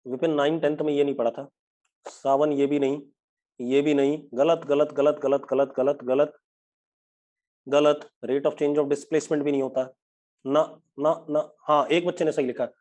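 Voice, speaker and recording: A male physics teacher giving an online live class, mixing English terms into his Hindi and dictating definitions slowly while checking whether the students follow. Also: a little high, level tone, darkish tone.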